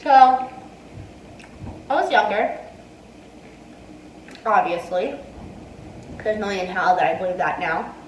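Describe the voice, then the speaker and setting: A mukbang vlogger in her twenties holds a chatty Q&A while eating, answering viewers between bites in her dining room via an earphone mic with her phone in hand. Her mid-range voice is expressive and slow, with long pauses. The lo-fi audio is echoey, recorded from a distance, and carries slight background noise.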